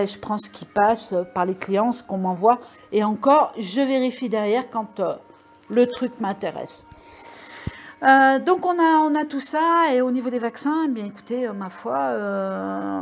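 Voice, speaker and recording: A woman's voice: a little high, moderate pace, gravelly. Rambling woman with dull-toned audio. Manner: rambling, many fillers, emphatic warnings. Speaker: video channel host. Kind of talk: casual monologue to viewers. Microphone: microphone. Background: computer mail alerts.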